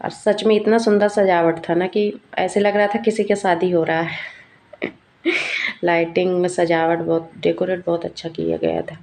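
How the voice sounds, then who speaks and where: Chatty woman vlogger, low flat voice. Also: moderate pace, vocal fry. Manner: chatty, storytelling, laughs often. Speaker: vlogger and mother. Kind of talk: casual vlog narration.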